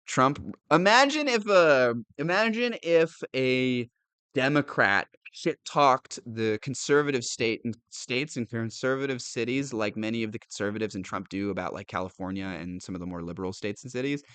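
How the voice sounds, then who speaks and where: A man's voice: medium pitch, normal speed, fairly bright tone, clean tone, dry recording. A male commentator reading news aloud and reacting with sarcastic disbelief, laughing often and stumbling over words.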